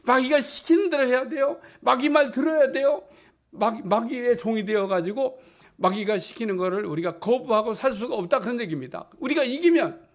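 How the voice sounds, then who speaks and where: A man's voice: sits high, creaky. A middle-aged man preaching a Sunday sermon as pastor, with emphatic rising declarations and repeated blessings. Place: church sanctuary.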